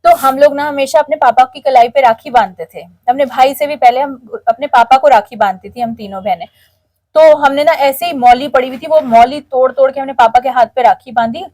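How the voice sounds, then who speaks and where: A woman's voice: high-pitched, a little fast, darkish tone, dry recording. A middle-aged woman telling an emotional, heartfelt devotional testimony to a congregation.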